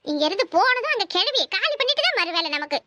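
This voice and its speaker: Heavily acted and dry-recorded, this cartoon voice-acting clip features a woman as a scheming, bossy young married woman with a Kanyakumari Tamil accent. Her very high voice has big pitch swings and a sharp tone, and she scolds in rapid chatter.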